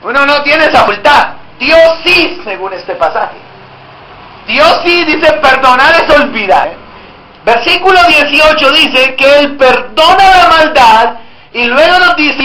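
High-voiced man preaching a sermon. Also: bright, forceful tone. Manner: emphatic preaching with frequent rhetorical questions. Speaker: pastor. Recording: echoey room.

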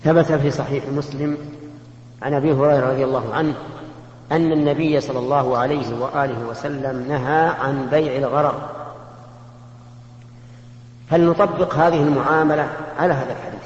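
A man, a religious scholar answering questions in a measured, explanatory way with rhetorical questions. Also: mid-range voice, fairly even intonation. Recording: echoey hall, muffled lo-fi tape with faint hum.

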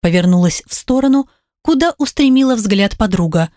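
A woman reading a first-person audiobook in an expressive way and giving the characters their own voices. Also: medium pitch, moderate pace, no echo, clean studio sound. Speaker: audiobook narrator.

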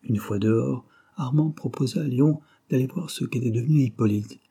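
A man's voice: medium pitch, brisk, gravelly, breathy edge. A man reading a novel aloud as an audiobook narrator, raising his voice for the dialogue. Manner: reads the dialogue with raised, lively voices. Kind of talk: scripted narration.

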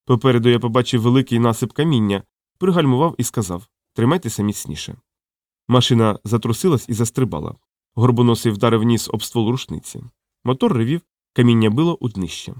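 A man narrating an audiobook in an expressive, animated reading, voicing the dialogue himself. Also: mid-range voice, fast, no room sound. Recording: dry close studio sound.

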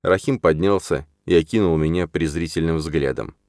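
A man narrating a first-person story as an audiobook, in a steady, measured manner. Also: very deep voice, dry recording, clean studio sound.

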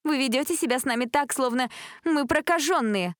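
A woman's voice: brisk, clean tone, no room sound, clean studio sound, lightly acted. A woman doing a spoiled, touchy rich teenage girl. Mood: defensive, hurt. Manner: shrill and defensive. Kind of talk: audiobook character voice.

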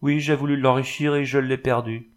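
Grief-stricken young peasant mother, read by a male narrator, low-voiced, anguished. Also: expressive, normal speed, a little mellow, natural voice. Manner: pleading, anguished storytelling.

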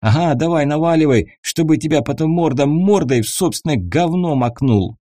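A man's voice: on the high side, animated, mellow, no echo, clean studio sound, pitched above the performer's own voice. A man voicing a frightened young male captive who talks nervously and in a hurry. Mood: blustering. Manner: nervous, hurried, gulping.

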